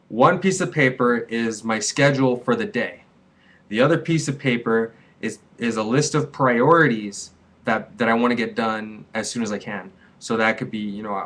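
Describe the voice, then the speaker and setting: Talking casually to camera, a small business owner in his twenties offers earnest vlog advice that rambles and repeats itself. He sits on the low side, though his tone is fairly bright.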